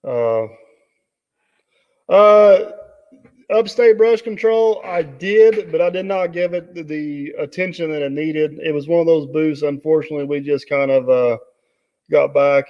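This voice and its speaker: A man hosts a casual live-stream chat and rambles from one topic to the next with plenty of fillers. His voice sits on the higher side, and the sound is dull, with a long hall-like reverb. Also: measured pace. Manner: rambling, reads out viewer comments with many fillers. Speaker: host.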